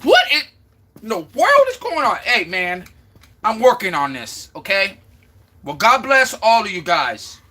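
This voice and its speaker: A man from Florida hosts a casual live stream, his voice high and very bright. He talks at an unhurried pace, repeating and sounding out viewers' names as he chats. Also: huge pitch swings. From Florida, USA. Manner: chatty, sounds out names from chat again and again.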